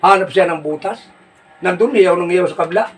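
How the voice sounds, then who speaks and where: A man telling jokes in a folksy, rambling way, laughing at his own punchlines and shouting them out. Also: high voice, a little fast. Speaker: comedy joke teller. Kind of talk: casual joke telling. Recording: distant mic with faint noise.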